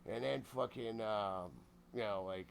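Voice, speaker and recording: A middle-aged man casually telling a wild childhood story, swearing constantly and shouting out the lines of the people in it. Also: fairly low pitch, a little slow, vocal fry, a little hiss or hum. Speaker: podcast guest.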